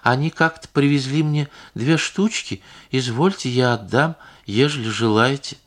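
A man's voice: medium pitch, measured pace, voice pushed up, lightly acted. A male audiobook reader voicing an evasive young woman, a singer, who answers defensively. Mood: sulky. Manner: defensive and whining. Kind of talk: audiobook character reading.

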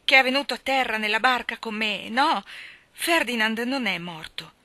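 A woman voicing a distraught, impulsive young girl who cries out in a high, raised, urgent voice. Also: animated, measured pace, bright, forceful tone, breathy edge, no room sound, full character voice. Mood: desperate.

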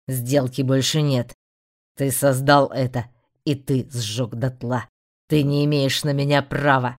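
A woman voicing a young male warrior who defends his wife and child, speaking with forceful, shouted defiance. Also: rumbling low, steady tone, measured pace, pitched below the performer's own voice. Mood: defiant.

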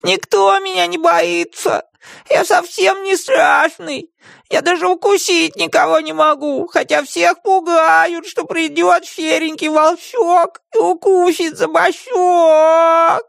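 A man voicing a small, boastful male wolf cub who shouts and sobs with a gravelly voice. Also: very high voice, takes it slowly, no echo, clean studio sound, voice pushed up, exaggerated voice. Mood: sobbing. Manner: shouting, then sobbing.

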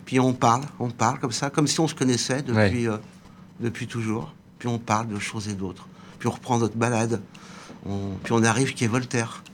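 A man's voice: medium pitch, moderate pace, a little hiss or hum. A man in his sixties, a radio interview guest and former bookseller, recounting an anecdote and acting out the dialogue. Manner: lively storytelling, acting out quoted dialogue.

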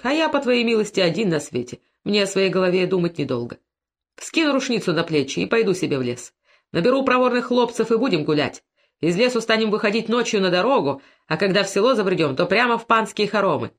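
A woman reading an audiobook, voicing a bitter Cossack who answers his former master with steady scorn. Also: medium pitch, fairly quick, close to an everyday voice. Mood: defiant. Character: grim bitter vengeful male Cossack.

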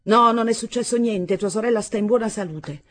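A woman's voice: on the high side, fairly quick, voice pushed up, close to an everyday voice. A woman doing a fierce Neapolitan mother. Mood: commanding. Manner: loud, commanding, aggressive. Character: fierce, possessive middle-aged mother, bossy.

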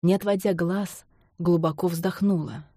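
A woman narrating a novel in the first person, in a measured, intimate storytelling manner. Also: on the low side, fairly even intonation, warm tone, no echo, studio quality. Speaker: audiobook narrator.

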